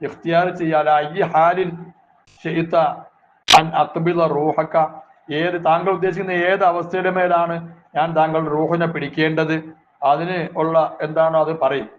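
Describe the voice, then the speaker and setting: A man teaching a religious class, reading Arabic phrases and explaining each one in a slow, measured way, with short prayers between. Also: on the high side, level tone. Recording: tinny phone-like audio with faint hiss.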